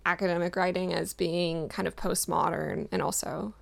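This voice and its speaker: Writer lady cohost, bit of vocal fry, upbeat and explaining stuff. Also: on the low side, flat delivery, normal speed. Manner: enthusiastic, informative. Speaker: podcast co-host, writer. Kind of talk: casual chat.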